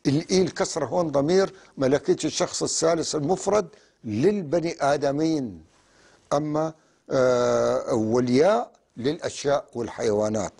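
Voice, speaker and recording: Guy teaching a lesson, gravelly husky voice, slow careful spelling out. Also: on the high side, a little mellow. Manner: slow, deliberate spelling-out of sounds. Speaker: language teacher. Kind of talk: classroom lesson.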